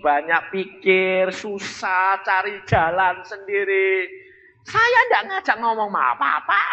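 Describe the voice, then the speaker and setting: An older man preaching a sermon, telling stories and acting out the voices of the people in them. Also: sits high. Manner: animated storytelling preacher, acting out quoted voices. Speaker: pastor. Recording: dull lo-fi sound in a reverberant hall.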